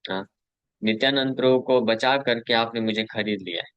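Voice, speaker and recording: A man teaching a scripture class, telling devotional stories with animated storytelling and chuckles between his points. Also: medium pitch, normal speed, clean tone, dry recording, muffled recording. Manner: animated storyteller who acts out quotes.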